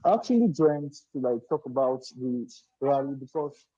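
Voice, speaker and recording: A man's voice: medium pitch, lively intonation, normal speed, mellow, no echo. A man calling into a live audio show, his voice muffled and choked as if through a tube over a bad connection, talking casually and hesitantly. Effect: muffled, choked sound as if through a tube. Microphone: bad network connection. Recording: muffled lo-fi online call audio.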